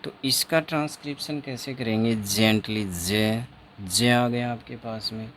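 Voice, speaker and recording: Slow, repetitive male teacher. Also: mid-range voice, a bit bright, slight background noise. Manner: slow, repeats words over and over, quizzes the viewer. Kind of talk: exam-prep phonetics lesson.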